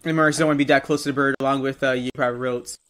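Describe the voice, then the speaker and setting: A man's voice: mid-range voice, fairly even intonation, rapid-fire, a bit bright. A man instructing trainees in a military roleplay game, directing and correcting them as he briefs. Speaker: military-sim drill instructor.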